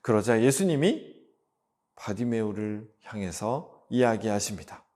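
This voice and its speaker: A man preaching a children's sermon, telling the story in an animated way and asking the kids questions. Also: lowish voice, unhurried.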